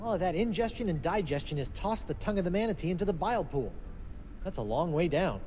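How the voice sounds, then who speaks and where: An actor playing an eager, wisecracking young pirate in an adventure game, wordy and boyish. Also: male voice, high-pitched, lively intonation, fast, a little mellow, a little hiss or hum. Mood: wry musing. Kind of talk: scripted adventure game dialogue.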